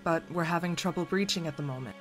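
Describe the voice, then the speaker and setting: A woman's voice: sits low, fast, soft background music, lightly acted. A woman playing a wry, no-nonsense police lieutenant in an audio drama, sardonic and assertive. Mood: wry, brisk.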